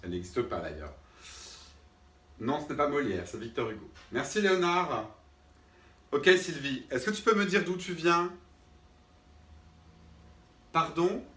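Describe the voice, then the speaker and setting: A man's voice: a little high, very animated, unhurried, pauses often, fairly bright tone. A man playing an irritated drama teacher who talks to unseen students, patient at first and then fed up, always asking if they agree. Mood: exasperated. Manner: patient then irritated, keeps checking with "d'accord?". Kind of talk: comic one-man sketch. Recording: roomy sound, mic far off.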